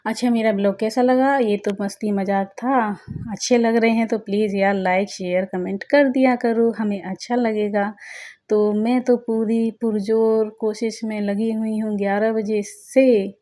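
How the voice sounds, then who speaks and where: A woman's voice: medium pitch, steady tone, unhurried, dark tone. A middle-aged woman narrating her home vlog in a chatty, playful way, joking with viewers as she goes. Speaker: vlogger.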